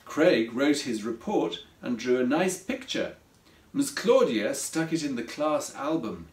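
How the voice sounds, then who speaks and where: Taking his time, the man narrates a storybook he wrote for children, his voice lively and full of melodic rise and fall. The recording picks him up from a distance, with a roomy echo around him.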